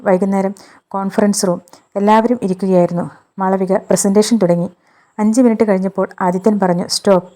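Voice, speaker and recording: A woman narrates a scripted romance in a steady, measured way. Her voice is mellow and soft-edged, sitting at an ordinary pitch for a woman. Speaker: storyteller.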